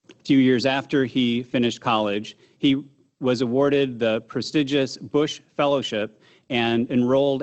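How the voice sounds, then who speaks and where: Male awards presenter, formal and measured, mid-pitched, reading citations. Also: darkish tone, highs cut off.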